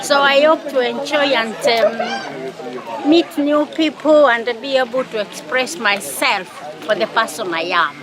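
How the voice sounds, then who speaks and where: A woman with a fairly high voice greets the camera outdoors, excited but a little hesitant. A crowd is clearly audible behind her. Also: unhurried. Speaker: festival participant.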